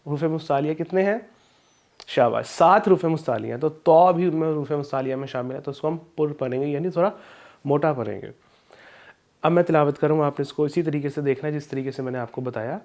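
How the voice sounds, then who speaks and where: A man teaching an Islamic studies lesson with a Pakistani Urdu accent, explaining rules slowly and chanting verses in drawn-out recitation. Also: fairly high pitch, darkish tone. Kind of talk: recorded video lesson with Quran recitation.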